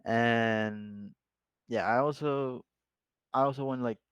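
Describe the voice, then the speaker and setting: A young adult Mexican esports player, speaking with a Mexican Spanish accent, chats casually as an interview guest, laid-back and laughing often with plenty of fillers like "like." His mid-range voice is steady, clean and slow, with no echo but a lo-fi sound.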